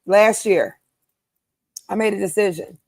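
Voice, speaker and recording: A woman in her fifties hosting a casual group chat, emphatic and quick to laugh. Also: mid-range voice, dry recording, clean studio sound. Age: 50s. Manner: animated, emphatic, laughs easily. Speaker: host.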